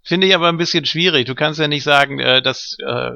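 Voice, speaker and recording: A man's voice: fairly high pitch, brisk, vocal fry, pushed and bright, dry recording, lo-fi sound. A young adult man hosting a casual podcast chat, talkative and teasing, laughing often. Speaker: podcast host.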